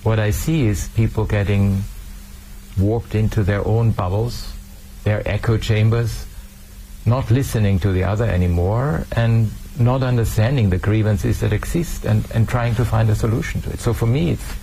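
A man's voice: lowish voice, normal speed, gravelly, dark tone, a little hiss or hum, poor audio. A man answering interview questions as a human rights official, earnest, often restarting and repeating words.

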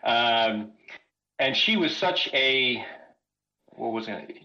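This talk-show caller's voice seems altered by a voice modulator, heard over a muffled headset line during a phone-in chat. He has a mid-range, sharp voice with lively intonation and drawn-out words, and he speaks hesitantly with chuckles in between.

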